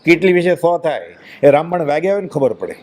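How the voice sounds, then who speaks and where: A religious speaker delivers an emphatic devotional discourse, driving his points home with rhetorical questions. His voice is somewhat high for a man, a little mellow and sing-song, and he talks fast.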